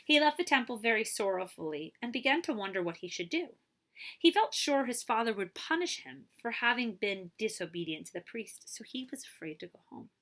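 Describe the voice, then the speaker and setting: A woman with a slightly high voice reads a children's story aloud, very animated and fairly quick, in the manner of a librarian. She's expressive and suspenseful, hushing her voice and lingering on key phrases.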